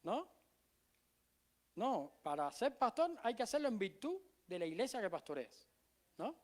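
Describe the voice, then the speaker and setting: Cuban pastor, middle-aged man, high tenor voice, sermon delivery with emphatic repeats and quiet asides. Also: sing-song, unhurried. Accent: Cuban Spanish. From Cuba. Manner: emphatic preaching, drops to soft low asides, repeats key phrases.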